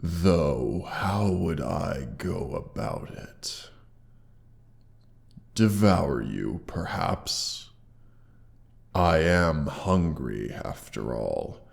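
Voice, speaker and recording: A man performs a scripted roleplay monologue as an injured dragon, menacing and proud, hoarding treasure, with a processed monster effect on his very deep, gravelly voice. He sounds musing and menacing, expressive and exaggerated, speaking slowly and deliberately in a haughty, archaic style.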